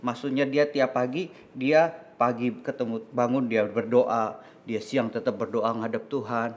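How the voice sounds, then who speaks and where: A man's voice: mid-range voice, a little slow. A man with an Indonesian accent telling a Bible story to children as a kids church teacher. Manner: lively, patient, explaining.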